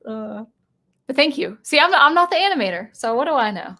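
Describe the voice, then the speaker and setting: A woman's voice: sits high, big pitch swings, fairly quick, pushed and bright. Tired, rambling woman streamer. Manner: rambling, self-interrupting, chuckling. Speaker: streamer reading live chat. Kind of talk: casual live-stream chat.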